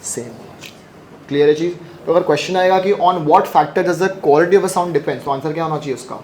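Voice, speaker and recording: With a fairly high pitch and darkish tone, a man briskly teaches physics, constantly quizzing students, echoing their responses, and joking at their expense between points. Slight background noise is present.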